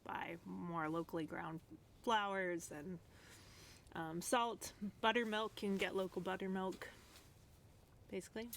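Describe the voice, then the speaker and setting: A woman's voice: on the low side, steady tone, measured pace, creaky, pauses often, a little hiss or hum. A woman chatting casually as a cooking guest, giggling and hedging with "like" and "I guess". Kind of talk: casual chat.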